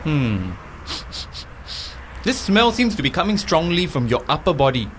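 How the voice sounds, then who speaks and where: A man's voice: a little high, big pitch swings, measured pace, a little hiss or hum. A man playing a polite, insistent police officer questioning someone in a comedy sketch. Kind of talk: comedy podcast sketch acting.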